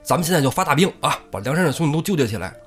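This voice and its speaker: A man's voice: mid-range voice, big pitch swings, rapid-fire, husky, soft background music. A man voicing an impatient, hot-headed male outlaw chief who talks urgently and rashly.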